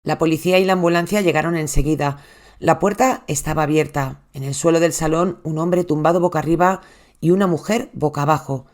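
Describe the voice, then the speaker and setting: A true crime host with a Spain Spanish accent delivers a brisk, scripted narration, dropping his voice low on the tense details.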